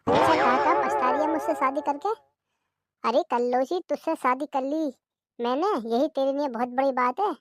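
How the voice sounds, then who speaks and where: A woman's voice: high voice, steady tone, moderate pace, dry recording, clean studio sound. A woman voicing a lazy, rude young husband in a cartoon comedy, mocking and insulting.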